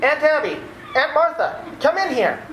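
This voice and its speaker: A woman with a high voice and big pitch swings plays a young male theatre critic, exasperated and sardonic, in an old-time radio play. He comes across flustered and frantic at a moderate pace, and the room echoes with faint noise.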